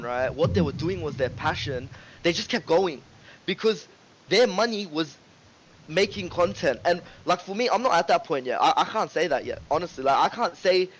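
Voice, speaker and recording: A man co-hosting a casual podcast, talking in an animated way, swearing and often asking "right?" and "you know what I mean?". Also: high voice, rough recording. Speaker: podcast co-host. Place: home room with ring light.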